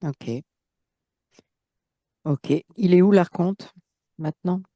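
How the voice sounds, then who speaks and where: A woman acting as the operator of a channeling session, guiding with short questions and quick affirmations. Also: lowish voice, mellow, no echo, clean studio sound.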